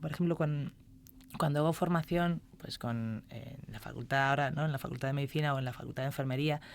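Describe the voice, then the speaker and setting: Lively woman telling stories. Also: rumbling low, quick pace, creaky, a little hiss or hum. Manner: animated storytelling, acting out quoted dialogue. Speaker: music therapist guest. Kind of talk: casual podcast interview.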